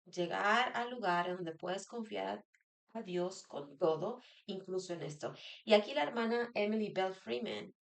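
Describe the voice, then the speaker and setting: A woman's voice: mid-range voice, a little slow, vocal fry. A woman sharing a personal devotional talk as a church member, earnest, repeating phrases and asking rhetorical questions.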